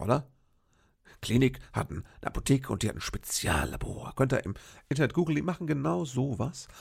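Gravelly older man chatting on a podcast. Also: medium pitch. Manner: chatty, rambling, addresses listeners directly with "ne?". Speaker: podcast host. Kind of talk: casual storytelling monologue.

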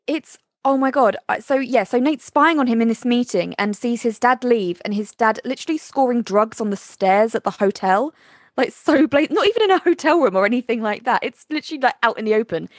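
A woman's voice: a little high, fairly quick, no room sound. A woman co-hosting a podcast, exclaiming and laughing as she talks over a TV episode. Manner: expressive, exclaiming, laughs often. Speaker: podcast co-host. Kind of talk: casual chat recapping a TV episode.

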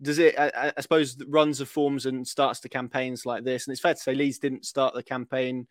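A man's voice: mid-range voice, flat delivery, moderate pace, no room sound, clean studio sound. A man hosting a conversational football interview, asking long, hedged questions in a hesitant way. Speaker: interviewer, host.

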